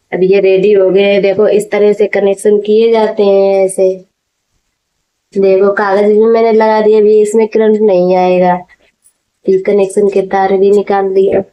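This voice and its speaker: Middle-aged woman, home vlogger, casual how-to chat, talks directly to viewers at mid pitch. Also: darkish tone. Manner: chatty, talks straight to viewers; speaks up over a running machine.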